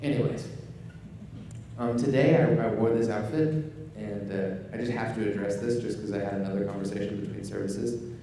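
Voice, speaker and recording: A man's voice: on the low side, normal speed, mellow, a little hiss or hum. A young man, preaching a casual sermon from a church stage and telling self-deprecating jokes. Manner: joking, self-deprecating storytelling. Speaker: pastor. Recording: echoey hall, voice from far off.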